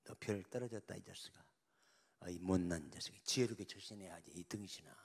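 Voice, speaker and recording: A man's voice: low voice, a little fast, pitched below the performer's own voice, heavily acted. A man voicing an angry middle-aged army general who scornfully scolds and insults a subordinate. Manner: contemptuous, name-calling, rough scolding.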